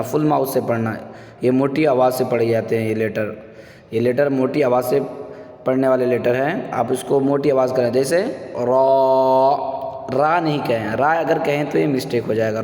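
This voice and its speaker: A man's voice: medium pitch, a little mellow. A man teaches beginners Arabic letters for reading the Quran. He explains each letter, mixes English words into his speech, and stretches out each sound for the class to repeat. His voice rings in an echoey room with a long reverb tail. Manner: drawn-out sung letter sounds for repetition.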